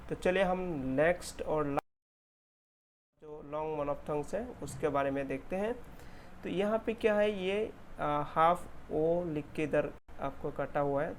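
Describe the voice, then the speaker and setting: Slow, patient man teaching vowels. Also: on the high side, a little hiss or hum. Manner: repeats words slowly, stretching the vowels. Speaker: English pronunciation teacher. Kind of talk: slow classroom explanation with drawn-out example words.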